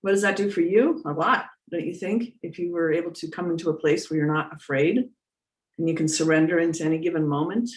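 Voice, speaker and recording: A woman's voice: lowish voice, a little fast. A middle-aged woman giving casual, earnest spiritual teaching in an informal, emphatic way. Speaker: spiritual teacher and medium answering questions. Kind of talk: casual, conversational spiritual talk. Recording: echoey room, distant mic on internet call.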